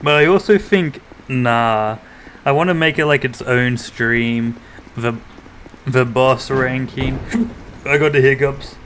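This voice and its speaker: Laid-back male streamer, slow drawl, noisy home mic. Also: mid-range voice, fairly bright tone. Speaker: game streamer. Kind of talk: casual gameplay commentary.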